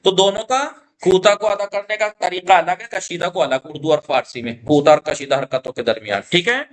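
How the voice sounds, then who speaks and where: Speaking in a high voice, this man leads a class on reciting the Quran. He demonstrates the vowel sounds out loud, explains with patience, and often checks that the students are following along.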